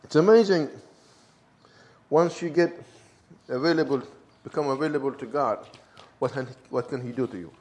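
Long pauses break up this man's moderate-paced, darkish mid-range delivery. With a German-Turkish accent and English as a second language, he fervently tells a personal story, complete with emphatic acted-out dialogue.

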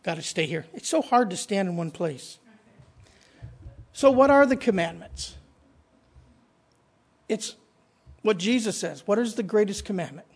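Expressive and measured, this pastor's high, creaky voice pauses often as he asks his congregation questions and answers them himself. He preaches into a church stand microphone, sometimes stepping away. The sanctuary makes the sound roomy.

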